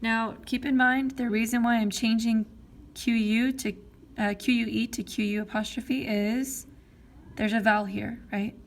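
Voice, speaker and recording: A woman's voice: a little high, little pitch movement, a little slow. A woman teaching a French grammar lesson, explaining step by step and often checking in with "okay?" and "all right?". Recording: faint background noise.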